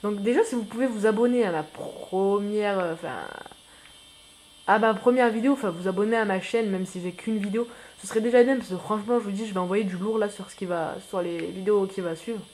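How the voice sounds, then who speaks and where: A man giving casual gameplay commentary as a new YouTuber, rambling and self-mocking, full of slang and excitable outbursts at the game. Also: sits high, a little fast, a little hiss or hum.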